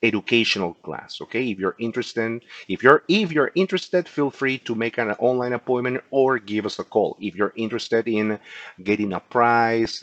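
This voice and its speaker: A Peruvian insurance agent, a native Spanish speaker with a Peruvian accent, teaches a class in a chatty recorded video lesson, often tacking "okay?" onto his sentences. His voice is medium-pitched, and the recording is muffled but free of echo.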